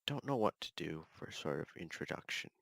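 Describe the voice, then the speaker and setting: Animated young man ranting in his room. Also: low-pitched, a little fast, vocal fry, no room sound, in a whisper. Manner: ranting, exasperated, rambling with restarts. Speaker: podcast host. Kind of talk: solo rant podcast. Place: his bedroom.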